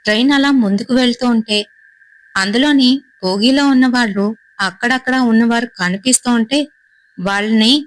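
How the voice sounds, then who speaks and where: A woman's voice: a little high, moderate pace, pauses often, no echo, poor audio. Woman telling a horror story. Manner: steady suspenseful storytelling, short phrases.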